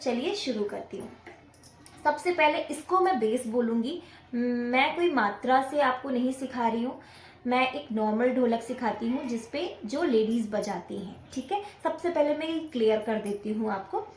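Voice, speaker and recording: A woman's voice: a little high, moderate pace, reverberant, slight background noise. A woman teaching dholak to beginners, explaining patiently step by step and counting the beats aloud as she plays. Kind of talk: casual music lesson. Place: indoor room with dholak drum playing.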